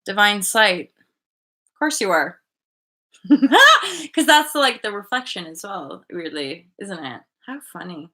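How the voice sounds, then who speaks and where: A woman in her thirties hosting a casual live chat from a bedroom, chatty and animated, full of likes and restarts, heard through a webcam mic. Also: medium pitch, takes it slowly, long pauses. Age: 30s. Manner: animated, gestures a lot, laughs often. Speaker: livestream host. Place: bedroom indoors. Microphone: webcam at desk distance.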